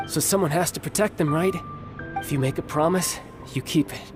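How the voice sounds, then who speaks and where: A man voicing a cocky young warrior and devoted big brother in a video game, smooth, teasing and self-assured. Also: a little high, moderate pace, music in the background, lightly acted. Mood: proud, earnest.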